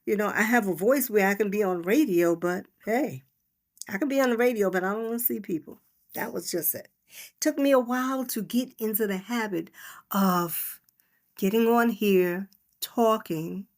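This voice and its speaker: Middle-aged woman talking from the heart on her podcast, mid pitch, easy unscripted storytelling. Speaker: podcast host. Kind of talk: personal reflective monologue.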